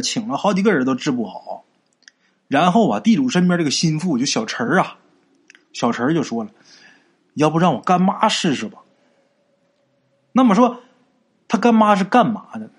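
A man narrating a folk ghost story in a lively storytelling manner, asking and answering his own questions. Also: on the high side, slightly rough. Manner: drawn-out phrase endings with 啊 and 呢.

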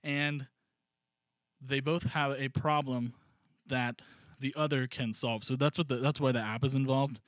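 A man's voice: mid-range voice, steady tone, unhurried, dry recording. A man co-hosting a comedy podcast in casual chat, rambling and joking with lots of fillers. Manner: rambling, jokey, many fillers. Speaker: podcast co-host.

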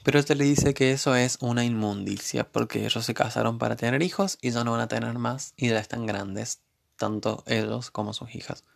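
A man's voice: mid-range voice, steady tone, normal speed, vocal fry. A man with an Argentine accent recapping a TV series episode in a casual, sarcastic way with joking asides. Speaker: TV series reviewer.

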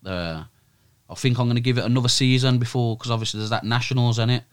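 Speaking quickly with a medium, steady pitch, this man sounds smooth, with no room sound. He's being interviewed as a Sunday league football manager, and his British roadman accent comes through in animated, emphatic street slang full of "bruv" and "innit."

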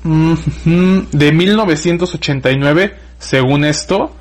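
A man's voice: on the high side, unhurried. Rambling Mexican man telling a story. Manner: rambling, retells events in detail. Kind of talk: casual storytelling chat.

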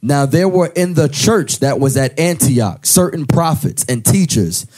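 Mellow, husky man reading scripture. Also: on the high side, measured pace. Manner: steady, formal reading. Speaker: scripture reader. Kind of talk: reading Bible verses aloud.

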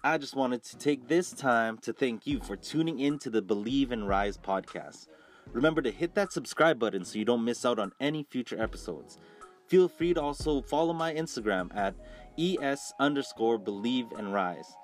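A man's voice: medium pitch, animated, normal speed. Motivational podcast man over music. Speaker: podcast host. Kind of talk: scripted podcast intro and outro.

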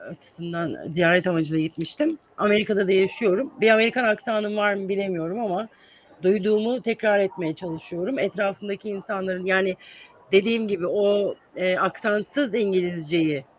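A man's voice: sits high, a little fast. A man who teaches English, answering interview questions in an earnest, explaining manner with many hesitant fillers. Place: lives in the United States. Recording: dull, dry sound.

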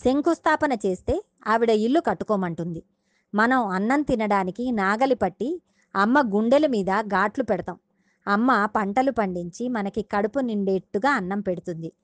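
A woman's voice: mid-range voice, animated, moderate pace, dry recording. A woman giving a devotional discourse, retelling a sacred story and explaining its meaning earnestly, speaking directly to her listeners.

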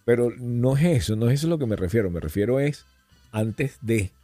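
A male podcast guest with a medium-pitched voice tells stories in a casual chat, speaking briskly and colloquially and calling the host "hermano." He's animated and rambling, often restarting his sentences, with soft background music and no echo.

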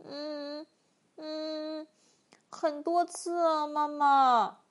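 A woman voicing a boastful giant, storybook, loud, high-pitched. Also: steady tone, drawn-out words. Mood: whimpering. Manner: bellowing boasts. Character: huge bullying male giant, loud and boastful.

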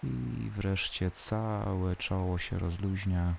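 A calm, soothing voice guiding a body-scan relaxation, unhurried and leaving long pauses between short instructions. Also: low-pitched, creaky, noisy background. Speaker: guided relaxation narrator. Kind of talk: slow guided body-scan meditation.

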